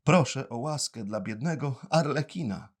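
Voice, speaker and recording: A man voicing a little wooden puppet boy with a high, tearful, imploring voice. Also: animated, normal speed, natural voice. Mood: pleading.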